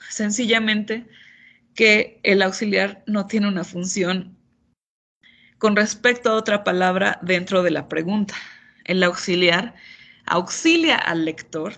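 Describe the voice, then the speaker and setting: Gravelly-voiced woman teaching grammar online. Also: medium pitch, fairly bright tone. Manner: patient, explanatory, playful asides. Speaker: English teacher.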